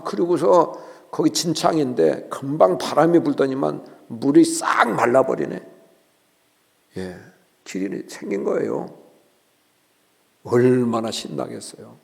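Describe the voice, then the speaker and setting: Male pastor, lively sermon, gravelly voice, long church reverb. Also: medium pitch. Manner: animated storytelling, acting out voices of biblical figures; asks the congregation for response with "예?" and "어?". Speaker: senior pastor. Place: church sanctuary.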